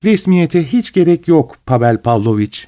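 A man's voice: a little high, big pitch swings, moderate pace, dark tone, pitched above the performer's own voice. A man voicing a fussy middle-aged mother who talks in a singsong voice. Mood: sugary. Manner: singsong, sugary.

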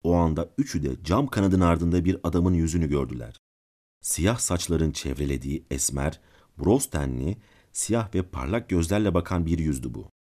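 A man reading a classic story aloud as a channel's narrator, calm and measured. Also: low-pitched. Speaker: audiobook narrator and channel host.

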